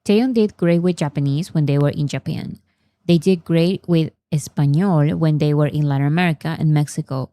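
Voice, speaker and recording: Low-voiced woman reacting casually. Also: a little mellow, no echo. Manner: chatty, thinks aloud, reads chat comments and answers them. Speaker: reaction channel host.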